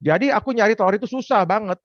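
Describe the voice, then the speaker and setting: Man, fairly high voice, frank confessional testimony; dull, dry recording. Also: rapid-fire, a bit bright, no room sound. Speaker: testimony speaker. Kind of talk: personal testimony.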